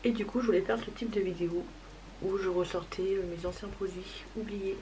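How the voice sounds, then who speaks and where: A woman's voice: mid-range voice, fairly even intonation, fairly quick, mellow, a little hiss or hum, rough recording. Chatty young woman doing a makeup vlog. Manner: chatty, self-deprecating, talks while applying makeup. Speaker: beauty vlogger. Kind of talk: casual makeup tutorial chat.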